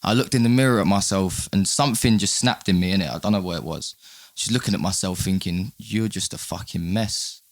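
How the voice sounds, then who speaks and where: A man's voice: sits low, quick pace. A man with an urban London roadman accent and slang, talking candidly and casually as a podcast guest, often repeating his words. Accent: London, urban street. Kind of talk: casual chat.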